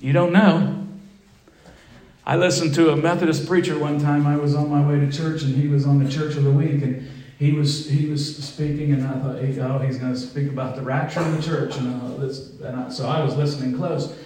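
Fervent high-voiced preacher in echoey church. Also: male voice, little pitch movement, normal speed, a little mellow, far from the mic. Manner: fervent, rising into emphatic preaching. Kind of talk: sermon. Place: church sanctuary.

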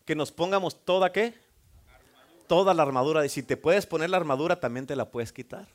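A male pastor with a notably high-pitched voice. He preaches in a call-and-response style, repeating phrases and pausing for the congregation's amens. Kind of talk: sermon.

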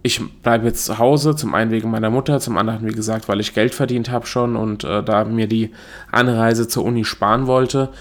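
A young adult man from Germany hosts a solo podcast, delivering a casual monologue. His lowish voice is steady and fairly quick, and he chats away, corrects himself and laughs at himself.

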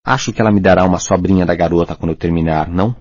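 A man's voice: deep voice, very fast, a little mellow, no room sound, lo-fi sound. A man voicing a savage, gloating werewolf in an audiobook, mocking his captives.

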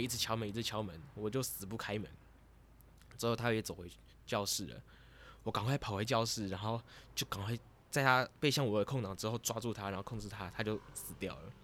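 A man's voice: medium pitch, slight background noise. Man casually retelling a dream. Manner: rambling and lively, grows excited as the story goes on. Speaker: vlogger.

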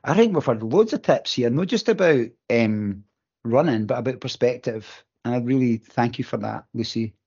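A man's voice: medium pitch, lively intonation, moderate pace, darkish tone, breathy edge, lo-fi sound. A man hosting a casual podcast interview. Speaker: podcast host.

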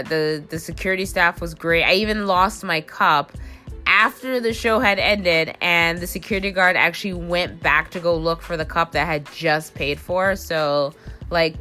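A woman chatting casually through a convention recap, rambling with many fillers and restarts and bursting into excited quoted reactions. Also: on the low side. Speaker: convention reviewer and interviewer.

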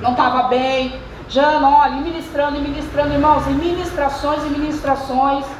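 A woman pastor delivers a sermon in a high voice. She preaches conversationally and keeps turning to her listeners. The recording is echoey, with a faint hum of ambience behind her. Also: steady tone, brisk. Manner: conversational preaching, addressing the congregation often. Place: church hall.

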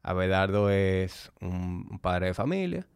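A man's voice: deep voice, sing-song, measured pace, creaky, clear, resonant tone, no echo, studio quality. A man hosting a podcast as a fitness trainer, talking conversationally and explaining things directly to the listener. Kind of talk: conversational solo podcast monologue.

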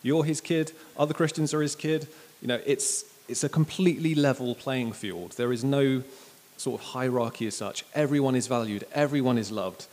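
Male preacher, relaxed and joking, sermon style, church reverb. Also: mid-range voice, moderate pace. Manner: casual, chatty and animated, with jokes and acted quotes.

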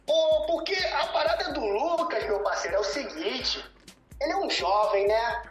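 A man's voice: extremely high pitch, lively intonation, moderate pace, a bit bright, soft background music. A man from Rio de Janeiro with a Carioca accent, calling in over the phone to a talk show in a laid-back, slangy way. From Rio de Janeiro, Brazil. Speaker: caller. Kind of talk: casual call-in chat. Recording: roomy phone line.

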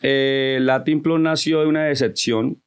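A man's voice: medium pitch, fairly even intonation, a little slow, clear, resonant tone. A man who grew up in the United States, chatting as a podcast guest and telling his story, slipping English phrases into his Spanish. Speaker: podcast guest, company founder. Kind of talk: casual storytelling interview.

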